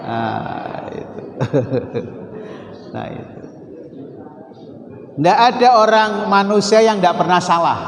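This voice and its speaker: A man with a Javanese accent preaching a Sunday morning sermon in a mosque, teasing his listeners with questions and repeating key phrases slowly. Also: high voice, animated. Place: mosque hall. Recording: roomy hall echo with faint noise. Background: congregation laughing from far off.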